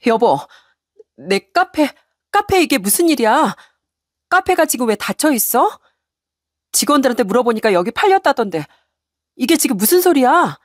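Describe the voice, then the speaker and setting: A desperate young wife pleads in a high, shrill, swooping voice, as a woman reader acts her out. Her lines keep climbing above the reader's own tone and push louder. The sound is dry and close, with no room around it. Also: very animated, normal speed, long pauses, no room sound. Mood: frantic, indignant. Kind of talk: story radio reading.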